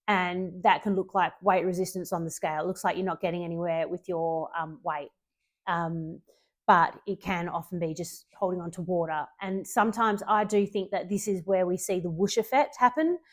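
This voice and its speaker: A woman fitness coach giving a casual spoken tutorial to her clients, chatty and loose, with frequent ums and self-corrections. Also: mid-range voice.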